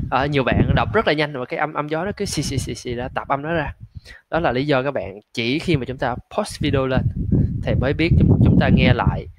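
A man teaching English pronunciation, stretching out model words slowly between frequent fillers. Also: mid-range voice. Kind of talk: pronunciation lesson.

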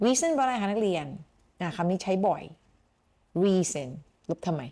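A Thai woman teaching an English lesson to students on a live stream. She reads a story aloud in English with a Thai accent and explains it in Thai, repeating words slowly for students to type and say. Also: medium pitch, animated, dark tone.

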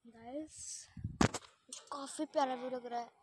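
A young woman with a slight lisp, gushing excitedly to her phone while vlogging from a rooftop terrace at sunset. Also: high voice, measured pace, heavy background noise. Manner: gushing, excited, mixes in English words. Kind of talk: casual vlog chat. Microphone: handheld phone.

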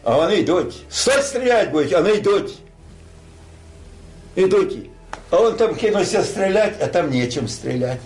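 A man's voice: sits high, animated, a little slow, pauses often, a little mellow, soft background music. An older man telling a war story like a grandpa, rambling and colloquial, acting out dialogue. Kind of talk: casual oral war storytelling.

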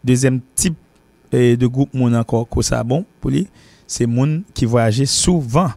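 A Haitian-accented man teaching an English lesson in a gravelly, creaky voice. He explains patiently, circling back and repeating himself, and slows right down on each English phrase. The sound is dry and close, with no room around it. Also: mid-range voice, steady tone, darkish tone, dry recording. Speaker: English teacher and show host. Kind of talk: spoken language lesson.

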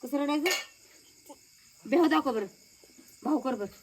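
A young woman from a village talks casually to the camera in a home vlog, her voice high and her pace a little slow. She keeps coaxing a small child with chatty, repeated questions, over a slight hiss or hum.

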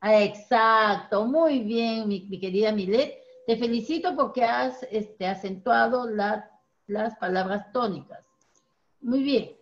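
Encouraging teacher, lo-fi call. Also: female voice, on the high side, slight background noise. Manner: encouraging, corrects pronunciation slowly. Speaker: primary school teacher. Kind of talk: online reading class.

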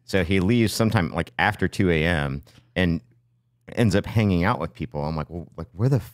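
Very deep-voiced man, casual podcast chat. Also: moderate pace, no room sound, studio quality. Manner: loose, profane, filler-heavy storytelling. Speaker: podcast co-host.

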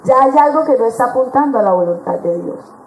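Woman preacher at a women's conference, high-pitched and animated, miked in an echoey hall. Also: quick pace. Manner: lively, acts out quoted voices of others.

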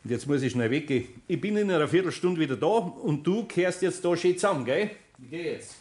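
Stern and firm, the slightly high, expressive male voice has a darkish, natural tone. The actor portrays a patient but firm older master carpenter from Bavaria in a 1960s radio play, delivering his lines in a homely, deliberate manner.

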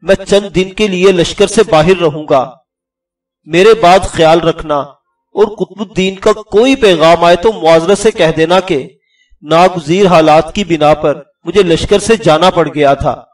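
A man's voice: high voice, close to an everyday voice. A man voicing a fierce, protective young male commander who fires off urgent, demanding questions, with a distant sound and faint music behind. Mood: stern.

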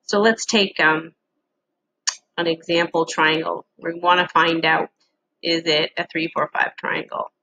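A middle-aged woman giving a casual, halting lesson walkthrough with frequent pauses, as an instructor on a screen-share recording. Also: fairly low pitch, fairly even intonation, pushed and bright, dull audio.

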